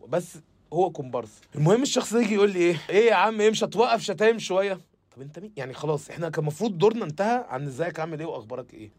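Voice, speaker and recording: A man's voice: a little high, breathy edge, no echo. A young man with an Egyptian Arabic accent delivering a casual comic monologue as a show host, rambling, sarcastic, slangy and profane.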